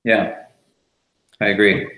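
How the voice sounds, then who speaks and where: A man's voice: lowish voice, little pitch movement, takes it slowly, sharp tone, echoey room. A man raised in France, a startup co-founder, talking easily as an interview guest, with fillers and frequent laughs. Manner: easygoing, laughs often, rambles with fillers. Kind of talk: relaxed conversational interview.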